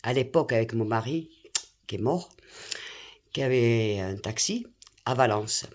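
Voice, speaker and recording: A woman's voice: very deep voice, animated, measured pace, darkish tone. An older woman, ranting indignantly to her viewers, full of exclamations and repeated phrases. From France. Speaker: vlogger. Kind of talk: angry rant to camera.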